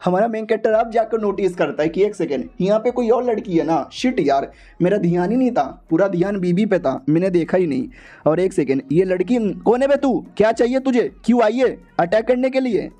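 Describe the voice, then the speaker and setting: A young man retells a comic tale in a loose, slangy, playful way, jumping between characters as he goes. His voice sits high yet sounds mellow and soft-edged. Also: animated, fairly quick. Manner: playful, slangy, switches pitch for female characters. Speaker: manhua recap narrator. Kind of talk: casual storytelling recap, voicing all characters.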